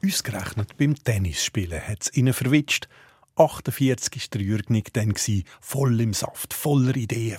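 A man with a Swiss German accent narrates a documentary report at a measured pace. His voice sits low and is very husky. The sound is dry and close. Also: a little mellow, dry recording. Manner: measured, descriptive.

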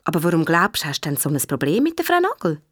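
A woman doing a calm Swiss mother. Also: low-pitched, quick pace, no echo, clean studio sound, exaggerated voice. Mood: soothing. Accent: Swiss German. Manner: calm, soothing. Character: gentle, patient mother.

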